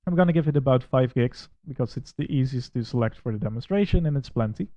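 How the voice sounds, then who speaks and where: Talking fast in a Dutch accent, a tech reviewer from the Netherlands walks through software on a screen recording, critical and methodical in a plain-spoken way. His pitch sits in the ordinary middle range, and the dry, somewhat dull audio suggests a simple home microphone.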